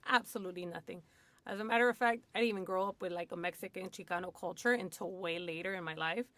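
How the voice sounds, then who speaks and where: A woman from Hollywood, USA, a guest in recovery, tells her story candidly and casually in a radio studio, chatting with lots of "like" and "you know" and laughing often. Her voice is lowish, fast and fairly bright, with no room sound.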